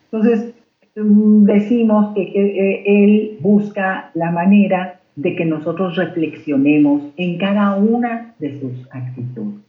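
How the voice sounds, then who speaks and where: A woman retelling Bible stories in a lively conversational way, acting out the quotes and often asking "right?". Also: mid-range voice, slow pace. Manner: animated storyteller, acts out quotes, keeps asking "right?". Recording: echoey, phone-like line.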